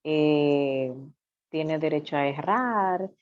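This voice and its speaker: Low-voiced woman giving an earnest testimony. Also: extremely slow, no room sound, narrow, tinny audio. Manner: earnest, confessional, repeats phrases for emphasis. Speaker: church member giving testimony. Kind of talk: personal faith testimony.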